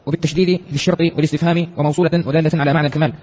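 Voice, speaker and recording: A man reading a text aloud for a class, reciting numbered points in quick succession. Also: fairly high pitch, steady tone, a little mellow, in a large hall, muffled recording, a little hiss or hum.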